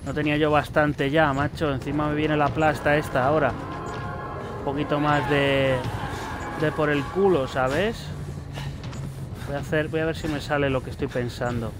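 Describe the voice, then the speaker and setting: A man's voice: a little high, level tone, normal speed, pauses often, music in the background. A young man, commenting casually on a horror game as he plays, swearing and chatting to the characters. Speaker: gaming YouTuber. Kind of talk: let's play commentary.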